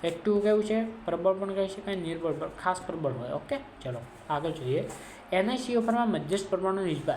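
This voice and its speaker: A woman with a Gujarati accent leads a chemistry revision lesson, speaking fairly quickly in a lowish, darkish, expressive voice. She poses questions and answers them herself. The room is echoey, with faint background noise.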